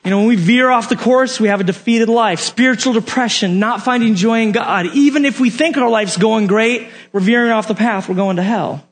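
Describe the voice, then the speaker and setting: A young man with a notably high voice preaches to his congregation. He tells stories in an animated way, slips in jokes and keeps putting direct questions to his listeners. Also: fairly quick, hardly any pauses. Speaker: youth pastor. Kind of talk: sermon.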